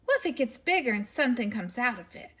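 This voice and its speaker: A woman's voice: on the high side, very animated, fast talker, sharp tone, exaggerated voice. A woman voicing an anxious little girl mouse from a picture book, with fretful, emphatic questioning. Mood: worried. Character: anxious little girl mouse who frets over everything.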